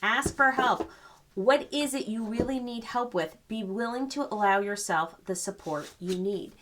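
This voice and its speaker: Gentle rambling woman reading cards. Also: mid-range voice, moderate pace, a little hiss or hum. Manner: gentle, rambling with many fillers. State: choked up. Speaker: psychic reader. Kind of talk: casual spiritual card reading.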